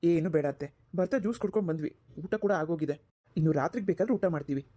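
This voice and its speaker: Son-in-law role: woman playing a kind young husband, rapid-fire delivery, mellow tone, earnest. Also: lowish voice, expressive. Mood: polite. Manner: earnest, reassuring.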